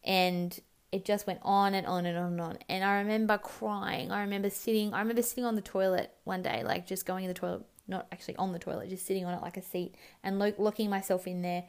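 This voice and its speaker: A young woman with an Australian accent recounts her own experience in plain, unfiltered speech. She swears freely and drops quick mimicked lines from other people into the story. Her voice sits at an ordinary pitch. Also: flat delivery, clean tone. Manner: candid and raw, swears freely, quotes others in bursts. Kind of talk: personal story told to camera.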